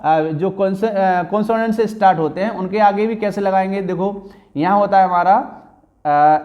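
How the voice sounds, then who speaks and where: A man's voice: high voice, a little mellow. A male teacher explaining grammar to pupils in a classroom lesson, drawing out words and repeating the answers.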